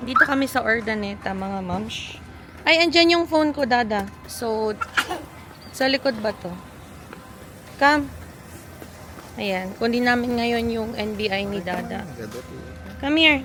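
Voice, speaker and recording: Isang babaeng vlogger na paos ang boses dahil sa sipon, may Filipino accent, madaldal na nakikipagkwentuhan sa mga manonood habang naghahalo ng Tagalog at English. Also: female voice, a little high, animated, unhurried, long pauses, over music. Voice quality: husky. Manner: chatty, switching between Tagalog and English, addressing viewers as moms. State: hoarse from a cold. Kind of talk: casual vlog chat. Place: outdoors and in a car around town. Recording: noisy outdoor phone vlog with traffic.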